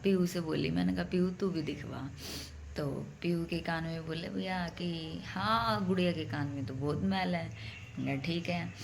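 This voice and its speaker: A woman's voice: deep voice, creaky, noisy background. A young woman vlogger casually telling a story at home to her viewers, chatty and direct. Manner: chatty, addresses viewers as bhai.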